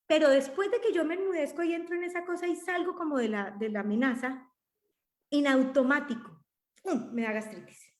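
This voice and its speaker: Her voice sitting high and moving a little fast, this Colombian podcast co-host in her forties chats casually and reflectively. She restarts often, and the room gives the audio an echo.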